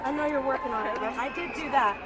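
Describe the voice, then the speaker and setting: A woman's voice: high voice, brisk. A woman, talking casually to people helping her. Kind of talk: casual talk to helpers. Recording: very noisy crowd recording.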